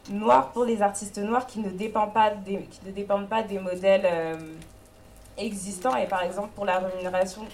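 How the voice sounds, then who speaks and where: A woman reports back to a group in a hesitant, halting way, full of fillers and restarts. Her pitch sits in the middle for a woman. A faint background noise runs under her voice. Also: fairly even intonation, darkish tone. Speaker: workshop spokesperson.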